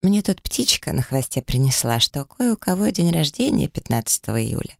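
A man voicing an affectionate young woman who is easily hurt, reading her lines in a raised, soft, pleading tone for an audiobook. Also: fairly high pitch, fairly quick, no echo, studio quality. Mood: tender.

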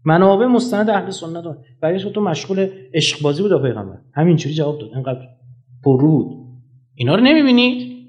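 A man giving a public lecture in an animated, argumentative way, firing rhetorical questions and swinging from loud to soft. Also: on the high side, lo-fi sound. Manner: animated, rhetorical questions, sharp jumps in loudness; mocking, argumentative.

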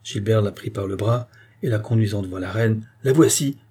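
Low, husky male audiobook narrator. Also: steady tone, a little fast, mellow. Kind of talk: scripted narration of a historical novel.

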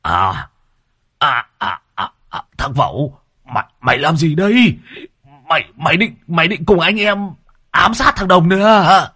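A man voicing a terrified old man who wails and stammers in a shrill voice. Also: expressive, a little slow, pushed and bright, husky, heavily acted. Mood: panicked shrieking.

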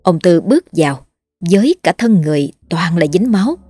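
Low-voiced woman narrating horror. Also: expressive, a little fast, dark tone, slightly rough, no room sound. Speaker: storyteller. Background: faint music.

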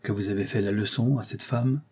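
A man's voice: on the low side, fairly even intonation, a little fast, dark tone, husky. A man as a wary, proud young man. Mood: guarded. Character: bewildered vain young man.

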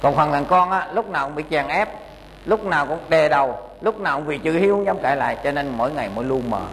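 A Buddhist monk, preaching in a folksy, admonishing way and slipping in humorous anecdotes. His somewhat high voice carries in a long-reverb hall, with a faint hum underneath. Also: animated, fast talker, a bit bright. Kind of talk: Buddhist sermon to lay followers.

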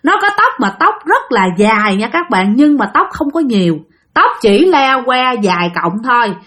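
Lively, animated woman telling a ghost story. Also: sits high, moderate pace. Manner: dramatic, addresses listeners directly.

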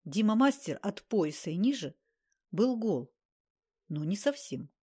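A woman's voice: medium pitch, big pitch swings, moderate pace, warm tone, breathy edge. A woman reading a novel aloud in a wry, matter-of-fact narrating manner. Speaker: audiobook reader. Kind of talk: scripted narration.

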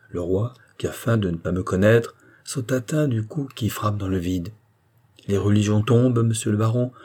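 A man voicing a calm, dignified royalist marquis who speaks with serene, solemn firmness in an audiobook reading. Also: on the low side, breathy edge. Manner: serene, solemn, firm declamation.

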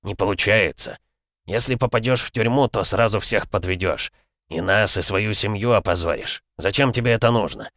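A man's voice: on the low side, normal speed, dry recording, clean studio sound. Role: a man voicing a cynical, domineering police chief. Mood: falsely gentle. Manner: stern, scolding, falsely gentle.

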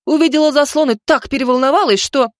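A woman narrator voicing a panicked young husband who shouts in a frenzy. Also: sits high, fast talker, dry recording, studio quality, voice pushed up, lightly acted.

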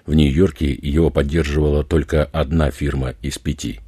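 Male narrator, extremely low voice, dark, husky, dry close recording. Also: flat delivery, moderate pace, no room sound. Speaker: audiobook narrator. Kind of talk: scripted narration.

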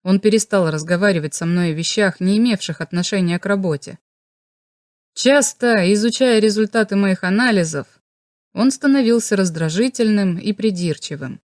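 A woman narrating an audiobook in a measured, even storytelling manner on a close mic. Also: mid-range voice, no echo.

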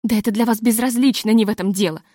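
A woman voicing a nervous, tall masked society lady who talks in a halting, hysterical, pleading way, read as an audiobook. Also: fairly high pitch, fairly even intonation, warm tone, no echo, studio quality, lightly acted. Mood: insistent.

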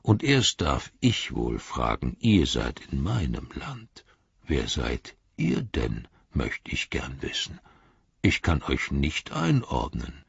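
A man voicing an ancient, patient male tree giant with a rumbling, drawn-out, hushed voice. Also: wildly swooping pitch, creaky, breathy edge, dry recording, muffled recording, full character voice. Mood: slow, ponderous.

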